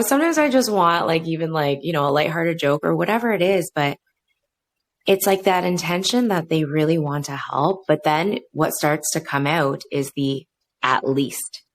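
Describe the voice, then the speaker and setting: A woman in her thirties co-hosting a podcast, talking reflectively in a casual way with many fillers. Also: deep voice. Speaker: podcast co-host.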